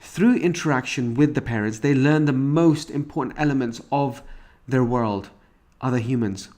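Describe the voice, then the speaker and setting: A man's voice: mid-range voice, normal speed, darkish tone. A man delivers a recorded parenting lesson, explaining stages and examples one after another. His voice sits in an ordinary middle range. He often stops and restarts a phrase before carrying on. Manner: explanatory, with frequent restarts and fillers; walks through examples and stages step by step. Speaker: parenting course instructor. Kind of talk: recorded course lecture.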